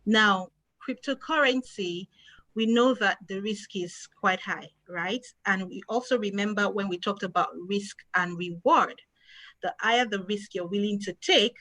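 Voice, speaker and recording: A woman's voice: mid-range voice, a little slow, a bit bright, no echo, poor audio. A woman, answering audience questions as an investment expert, patient and plain, stressing key words. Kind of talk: explanatory Q&A answers.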